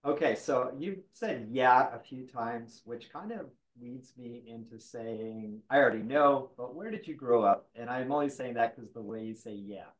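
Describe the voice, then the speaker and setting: A man's voice: medium pitch, moderate pace, few pauses, low-quality recording. Easygoing man hosting a podcast. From American South. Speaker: podcast host. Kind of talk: casual chat.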